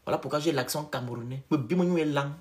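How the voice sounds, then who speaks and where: A man hosting a live stream of political commentary, who speaks emphatically and repeats phrases in loud bursts. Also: on the high side, fast talker.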